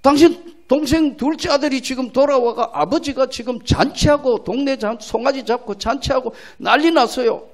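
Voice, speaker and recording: A man's voice: extremely high pitch, moderate pace, voice pushed up. A man voicing a household servant who bluntly exclaims the news. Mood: excited.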